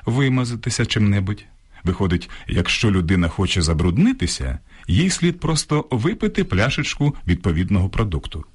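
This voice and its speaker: A man presenting a radio language segment, reading a scripted piece in a measured, lightly ironic way. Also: fairly low pitch, slightly rough.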